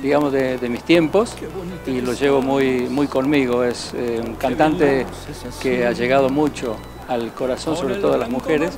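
A man's voice: medium pitch, normal speed, over music. An older man, a singer being interviewed, talking in a casual, hesitant way with many fillers and repeated words, into a handheld mic in a restaurant. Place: indoor restaurant, large room. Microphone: handheld mic held by the interviewer.

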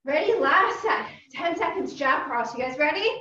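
A high-voiced woman karate instructor coaches a family workout class over a video stream, cheering and calling out each cue. She sounds distant from the mic in a roomy space at home. The recording is dull and muffled. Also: expressive, moderate pace, bright, forceful tone. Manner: upbeat, encouraging, calls out cues. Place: home room.

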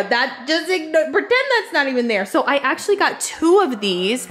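A young woman in casual vlog chat, upbeat and chatty as she shows things around her house on a handheld camera. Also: fairly high pitch. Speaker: home vlogger. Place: inside a house.

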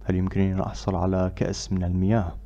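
A man teaching English pronunciation, who repeats drill words loudly and pauses with filler sounds between phrases. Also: low-pitched, completely flat delivery, highs cut off. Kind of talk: pronunciation lesson.

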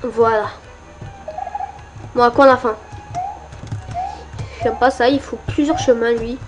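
High-pitched woman playing a game, yelling and swearing at enemies, game music low behind her. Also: takes it slowly. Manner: excitable, frequently yelling and cursing at enemies. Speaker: let's play gamer. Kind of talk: casual gameplay commentary.

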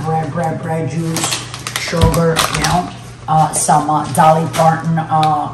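A middle-aged woman hosting a cooking channel, chatting casually through a grocery haul and rambling through prices with fillers. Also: sits low. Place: home kitchen room. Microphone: phone camera held by someone else. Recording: echoey room, camera at a distance, background noise.

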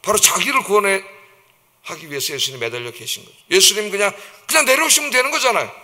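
A man's voice: sits high, expressive, fast talker, sharp tone. A man preaching a dawn-service sermon as a pastor, emphatic and vivid, acting out the taunts of mockers. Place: church sanctuary. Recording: long church reverb.

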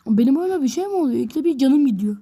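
A woman giving excitable, slangy commentary while playing a video game, talking straight to her viewers. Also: high-pitched, fast. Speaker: gameplay video host. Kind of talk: casual gameplay commentary.

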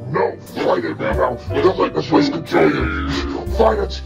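Brief: woman doing a gravelly, warped deep voice that swoops wildly, slow and theatrical, roomy off-mic sound with music behind. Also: wildly swooping pitch, recorded from a distance, full character voice. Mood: frantic. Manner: slow, dramatic, shifts between growls and squeals. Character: her own voice gone deep and gravelly.

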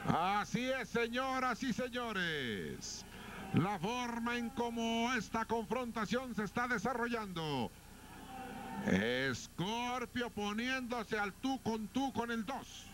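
A man with a Mexican accent commentating on wrestling in an excited, grandiose style with teasing banter. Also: very high-pitched, background noise. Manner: grandiose, teasing, drawn-out exclamations.

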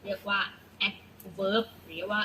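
A woman's voice: mid-range voice, steady tone, takes it slowly, background noise. A woman teacher explaining an English lesson patiently, often repeating herself and spelling out letters one by one.

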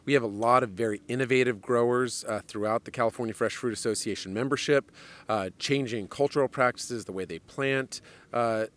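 A man, a trade association president giving measured interview answers outdoors into a handheld mic, with frequent fillers. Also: mid-range voice, fairly bright tone. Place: outdoors on a lawn. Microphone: handheld mic held by interviewer.

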